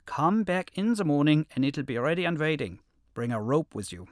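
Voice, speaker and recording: A man's voice: fairly high pitch, sing-song, moderate pace, no echo, studio quality, voice pushed up. A man doing a sly, wheedling wolf. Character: sly greedy male wolf, wheedling trickster.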